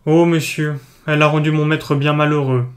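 A man's voice: on the high side, level tone, moderate pace, lightly acted. A man voicing an old, pious woman servant who answers in dry, clipped replies. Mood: confiding.

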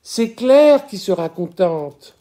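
A man's voice: high-pitched, animated, slow pace, dark tone, voice pushed up. A man reading an audiobook, voicing a dying old spinster who tenderly calls out to imaginary children in a thin, faraway voice. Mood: tender delirium. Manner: tender, motherly scolding.

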